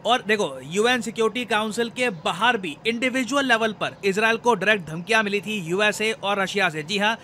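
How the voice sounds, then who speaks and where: Bright high-voiced man explaining news. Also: a little hiss or hum. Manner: Hindi-English code-mixing, conversational explaining. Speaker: current affairs educator. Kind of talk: explainer video lecture.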